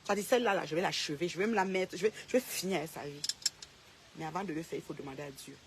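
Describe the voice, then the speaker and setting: A woman's voice: low voice, racing, noisy background. Confrontational woman ranting to camera. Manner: confrontational, addresses a rival directly and repeats herself. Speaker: social media personality. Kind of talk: direct-to-camera rant.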